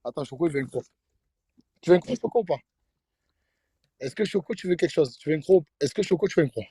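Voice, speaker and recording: A man's voice: fairly high pitch, animated, quick pace, dark tone, breathy edge, dry recording, clean studio sound. A man hosting a phone livestream, joking in crude, slangy, boastful banter. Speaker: livestream host.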